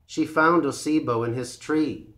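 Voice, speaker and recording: A man reading a folktale aloud for English learners, slowly and clearly. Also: a little high, a bit bright. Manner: slow, clear and measured reading. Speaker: English teacher.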